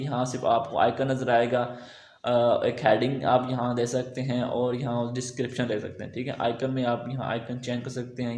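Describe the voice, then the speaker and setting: A man giving a relaxed, thinking-aloud screen-recorded software tutorial, full of okays and fillers. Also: mid-range voice, reverberant. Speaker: web design tutor.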